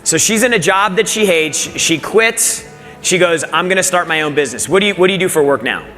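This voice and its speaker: A man's voice: high-pitched, expressive, brisk, pushed and bright. A man hosting an onstage interview who talks with a lot of energy and hypes up the audience. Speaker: event host. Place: large event hall. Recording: hall reverb with faint music.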